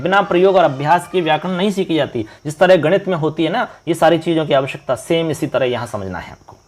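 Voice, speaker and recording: Male online tutor from India, a touch high-pitched, quizzes viewers on each question. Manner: quizzing viewers, reading options slowly. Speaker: exam-prep teacher. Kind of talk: online exam-prep lesson.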